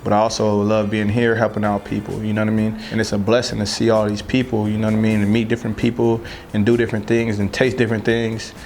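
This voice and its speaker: A young man from Southern California talks in a loose, rambling way, full of fillers. His voice sits low and stays flat in pitch. Faint ambient noise hums behind him. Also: fast talker, hardly any pauses. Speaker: American football player. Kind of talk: casual interview talk.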